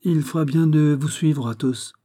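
A man voicing a sharp, wry musketeer captain with a cutting, knowing way of speaking, pitched a little above his reading voice. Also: normal speed, close to an everyday voice.

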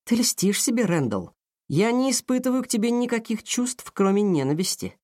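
A man's voice: sing-song, normal speed, darkish tone. A man voicing a furious proud princess. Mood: defiant. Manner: high shrill outbursts. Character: young woman, proud princess, furious and flustered.

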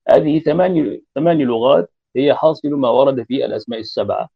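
A man teaching a grammar lesson, explaining each point deliberately with frequent drawn-out fillers, on a dull lo-fi recording. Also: mid-range voice, creaky, breathy edge. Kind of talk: explaining Arabic grammar in a lecture.

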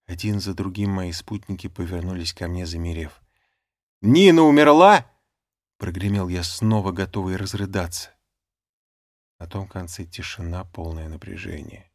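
A man's voice: low-pitched, level tone, moderate pace, darkish tone, no echo, studio quality. A man narrating a memoir as a scripted audiobook reading, telling it dramatically. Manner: dramatic reading, acting out the dialogue.

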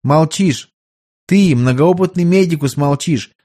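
A man's voice: fairly high pitch, measured pace, mellow, pitched above the performer's own voice. A man voicing a young, hot-tempered emperor who speaks in a brusque, commanding way, in an audiobook.

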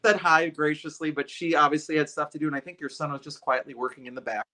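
A man's voice: on the high side, fairly even intonation, fast, pushed and bright. A man hosting a podcast, talking casually and at length with his guest, with many restarts. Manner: friendly, talkative, many restarts. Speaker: podcast host. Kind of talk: casual interview talk.

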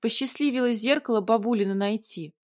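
A flustered young heroine chatters in a high, squeaky, whiny voice, put on by a woman reading the audiobook. The voice is close and dry. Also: brisk, dry recording, natural voice. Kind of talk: audiobook character voice.

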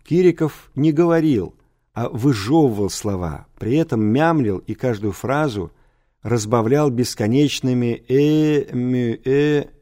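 A man reading a novel aloud as an audiobook narrator, in an even storytelling delivery. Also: mid-range voice, a little slow. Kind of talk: scripted narration.

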